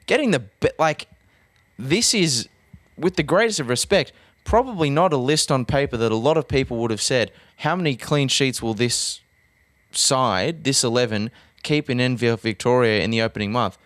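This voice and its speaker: A quick, animated Australian man riffs on football with a joking edge. His voice is mid-pitched and recorded close and dry, with no room sound. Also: no echo. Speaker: podcast co-host, football pundit. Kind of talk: casual podcast chat.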